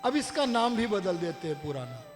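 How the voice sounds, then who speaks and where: A man's voice: high-pitched, sing-song, normal speed, in a large hall, soft background music. A male preacher telling a story in a sermon, acting out the dialogue and putting questions to his audience. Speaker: Arya Samaj preacher. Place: large hall at a ceremony.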